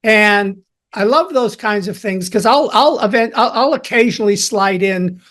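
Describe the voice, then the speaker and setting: A man from Chicago hosting a podcast interview, talking in an enthusiastic, reflective way with thoughtful pauses. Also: sits high, fairly bright tone. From Chicago, USA. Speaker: podcast host. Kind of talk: conversational interview.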